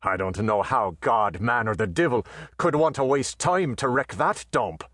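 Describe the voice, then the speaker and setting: A man voicing a calm, dry-humored western tough who speaks softly and understated. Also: medium pitch, moderate pace, no echo, close to an everyday voice. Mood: wry. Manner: soft-spoken, dry and understated. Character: calm, wry, dangerous male western chore boy.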